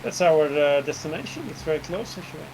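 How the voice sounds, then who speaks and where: Higher-voiced man over a noisy engine drone. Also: animated, quick pace. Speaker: player in a group flight-simulator session. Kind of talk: casual chat while flying in a flight simulator. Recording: loud vehicle-like drone, noisy voice chat.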